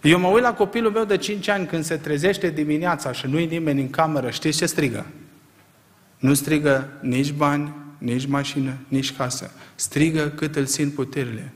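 A man preaching a sermon, asking rhetorical questions and swinging from quiet, measured lines to loud, emphatic ones. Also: fairly high pitch, fairly even intonation, in a large hall.

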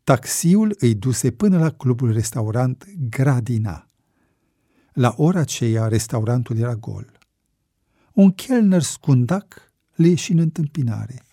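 A man reading a story aloud with expressive narration. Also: medium pitch, no room sound, clean studio sound. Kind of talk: audiobook narration.

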